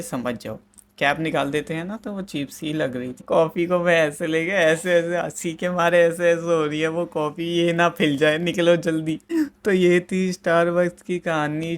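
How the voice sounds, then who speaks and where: A young man casually telling a funny storytime on his vlog, laughing and animated as he recounts it. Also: a little high. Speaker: YouTuber.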